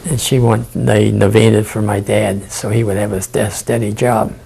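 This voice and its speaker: Elderly man, low gravelly husky voice, halting, repeats words. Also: flat delivery, warm tone, a little hiss or hum. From Pittsburgh area. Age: 80s. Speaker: veteran interviewee. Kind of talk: documentary interview.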